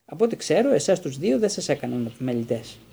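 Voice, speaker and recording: A man voicing a stern, bustling mother of many children in an audiobook, scolding and strict, with a husky, mellow voice. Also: on the high side, big pitch swings, full character voice.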